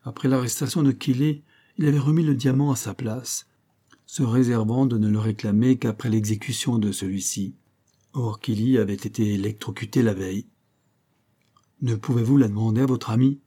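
A man narrating an adventure story aloud as an audiobook. He reads at a steady, measured pace. His voice is dark, mellow and somewhat husky. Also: medium pitch.

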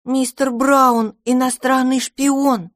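Woman doing a storybook kitten boy: high, squealing, eager, dry close sound. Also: normal speed, no room sound, lightly acted. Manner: squealing, excited.

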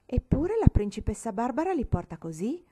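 Una donna che legge dà voce a una bambina seria e sensibile, che si offende facilmente. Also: female voice, a little high, very animated, normal speed, mellow, husky, voice pushed up. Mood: earnest. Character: earnest sensitive little girl. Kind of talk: audiobook reading.

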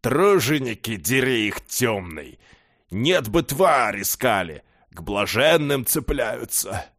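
A man voicing a gloating, toothless old male beggar who spreads slow, ominous tales of a monster, mumbling his words in an audiobook. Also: mid-range voice, very animated, a bit bright, exaggerated voice.

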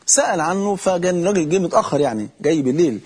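Fast-talking husky Egyptian preacher. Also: male voice, sits high, animated, a little mellow. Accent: Egyptian Arabic. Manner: storytelling with slow, drawn-out quotes; addresses listeners directly. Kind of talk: sermon.

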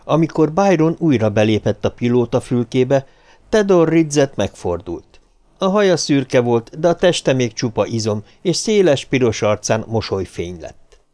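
A man narrating an audiobook in a steady, measured reading voice. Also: medium pitch. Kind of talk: scripted narration.

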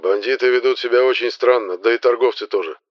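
A man's voice: medium pitch, fast, muffled recording. A man voicing a matter-of-fact tech ally who gives businesslike reports over a radio channel.

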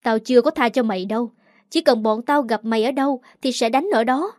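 A woman's voice: fairly high pitch, fairly quick, a little mellow, dry recording, studio quality, close to an everyday voice. A woman narrator voicing a fierce, bullying woman who talks in a threatening, coarse way in a story reading.

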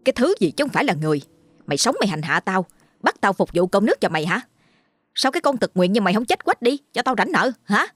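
A woman's voice: mid-range voice, sing-song, quick pace, husky, no room sound, clean studio sound, voice pushed up. A woman voicing a cruel middle-aged aunt who scolds a child spitefully. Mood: scolding.

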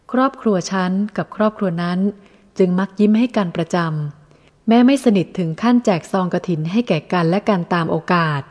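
A woman reads a first-person story aloud at a measured, reflective pace. Her voice sits at an ordinary middle height. A long reverb trails each phrase. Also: medium pitch, darkish tone. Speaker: audiobook reader. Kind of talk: first-person literary narration.

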